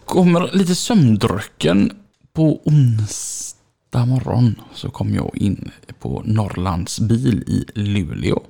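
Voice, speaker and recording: A man co-hosting a podcast, chatting casually and telling animated anecdotes with frequent laughter. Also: lowish voice, creaky, slightly rough. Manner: animated storyteller, laughs often. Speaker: podcast co-host.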